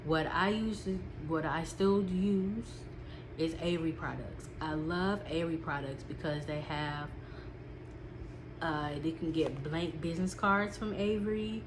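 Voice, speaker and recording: A woman who runs a small business vlog chats casually from her notes in a low, unhurried voice. Her nose is stuffy and sniffly, she repeats herself and says um a lot, and there's background noise.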